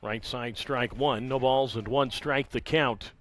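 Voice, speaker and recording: A man calling live baseball play-by-play from the ballpark, relaxed and conversational, with dry sarcastic asides. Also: mid-range voice, a little slow, a little hiss or hum. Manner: conversational, wry asides, filler "uh" between counts. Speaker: play-by-play announcer.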